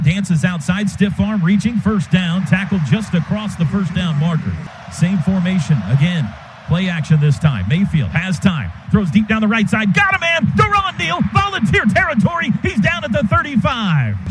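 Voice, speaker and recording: An American man with a high-pitched voice calls a football game live on radio, using clipped phrases and excited calls.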